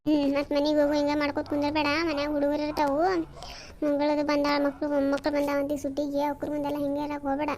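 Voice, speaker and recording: Woman doing a high, fast-talking village lady in a cartoon, north karnataka accent, bossy and flat. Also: a little hiss or hum, natural voice. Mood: brisk. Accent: North Karnataka Kannada. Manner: brisk, bossy, reassuring. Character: chatty village woman consoling her friend. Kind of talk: cartoon comedy voice acting.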